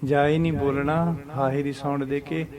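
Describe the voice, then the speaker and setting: A man teaching scripture pronunciation, patiently chanting verses slowly and explaining them. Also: fairly high pitch, level tone, a crowd in the background.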